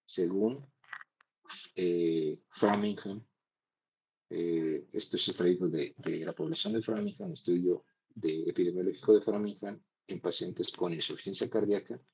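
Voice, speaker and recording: Gravelly low-voiced male lecturer. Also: darkish tone, rough recording. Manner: explains step by step, checks in with ¿no? and ¿sí?. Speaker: cardiology lecturer. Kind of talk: classroom lecture.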